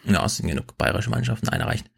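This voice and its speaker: A man in his thirties with a gravelly edge and a fairly low voice, co-hosting a podcast. He rambles in casual chat, restarting and correcting himself as he goes. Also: big pitch swings, fast. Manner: chatty, rambling, self-correcting. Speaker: podcast co-host.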